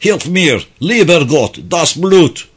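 A man's voice: fairly high pitch, animated, slow pace, breathy edge, voice pushed up, exaggerated voice. A man voicing a young dying German soldier who cries out in sobbing anguish.

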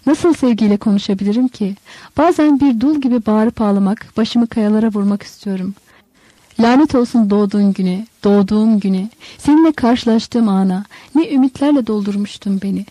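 Judas for a storybook reading: an enraged, accusing apostle with a mellow, dry tone, voiced by a woman reader. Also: medium pitch, moderate pace, dry recording, lightly acted. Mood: bitter longing. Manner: accusing, ranting. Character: bitter furious male apostle Judas.

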